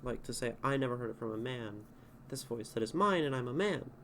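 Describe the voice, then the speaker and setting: Brisk and animated, a man with a medium-pitched, slightly bright voice gives a casual spoken critique of a poem on a home live stream. He rereads lines and reworks them while thinking aloud, over a faint hiss or hum.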